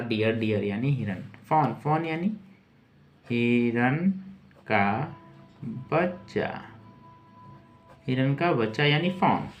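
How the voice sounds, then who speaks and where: A man teaching English vocabulary in Hindi, spelling each word letter by letter and repeating words slowly. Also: medium pitch. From India. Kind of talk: slow spelled-out vocabulary lesson.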